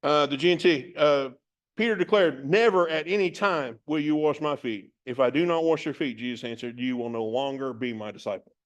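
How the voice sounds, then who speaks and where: A man's voice: on the high side, a little fast. A man teaching a Bible passage verse by verse, reading it from several translations and musing on it in a conversational way.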